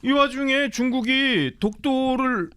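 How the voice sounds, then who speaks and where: A man's voice: very high-pitched, measured pace, a bit bright, clean tone, no room sound, studio quality. A man hosting a talk show, chatting casually and reacting with short interjections. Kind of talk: casual chat.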